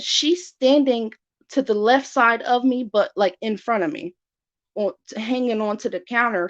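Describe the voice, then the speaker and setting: A woman tells a story in casual, animated talk. She voices both sides of each exchange as she goes. The audio is a little dull and lo-fi. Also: a little high. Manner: acts out both sides of conversations. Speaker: furniture store office manager in customer service.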